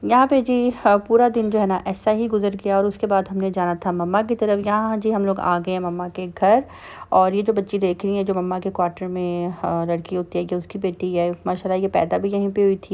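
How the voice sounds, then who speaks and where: A woman's voice: mid-range voice, level tone, brisk, darkish tone. A woman with a Pakistani Urdu accent, narrating her day in a chatty, casual vlog voice-over full of fillers. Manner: chatty, filler-heavy storytelling. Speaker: vlogger.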